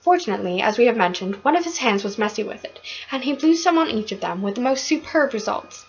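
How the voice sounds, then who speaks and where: Woman reading a kids book out loud, slightly high voice, muffled lo-fi recording. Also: fast, slightly rough. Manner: expressive, occasional stumbles. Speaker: reader of a children's book. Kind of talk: reading a storybook aloud.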